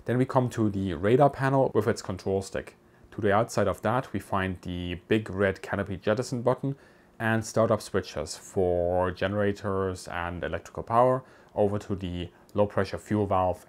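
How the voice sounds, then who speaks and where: A man with a fairly low voice narrates in a measured, explanatory way. His delivery is scripted and steady, like a guided documentary walkthrough recorded as a voice-over. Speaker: presenter. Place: voice-over, not recorded in the pictured cockpit.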